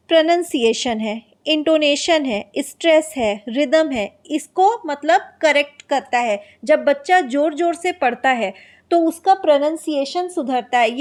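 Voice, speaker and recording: A woman teacher, explaining exam material in Hindi. She reads out lines from her notes slowly and asks and answers her own questions. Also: sits high. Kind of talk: exam-prep lecture.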